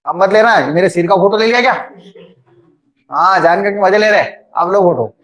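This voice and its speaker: High-voiced joking Indian math teacher. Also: male voice, normal speed, a bit bright. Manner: joking, chatty, teases students by name. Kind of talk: online class lecture.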